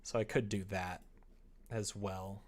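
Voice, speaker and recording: This livestreamer is building a visual novel and takes his time, talking in a lowish, steady voice. He chats casually, rambling as he thinks aloud and making fun of himself.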